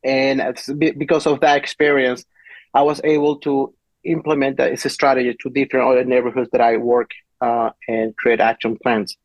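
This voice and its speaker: A man, giving a webinar presentation as a city planner in a halting way with many restarts. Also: medium pitch, little pitch movement, no echo. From Peru. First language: Spanish. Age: 40s. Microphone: video call. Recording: dull lo-fi webinar audio.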